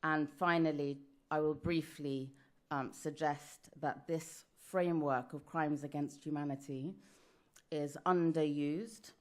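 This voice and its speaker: A woman with a British accent giving a measured, careful conference talk as a panelist, speaking slowly. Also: deep voice. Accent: British English. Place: conference hall.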